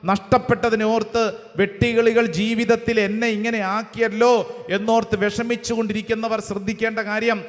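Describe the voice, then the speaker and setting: High-pitched priest preaching, has the crowd repeat verses after him, long echoey church hall sound. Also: male voice, flat delivery, moderate pace. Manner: leads listeners in repeating verses phrase by phrase; cites verses with English chapter numbers. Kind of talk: sermon with call-and-response.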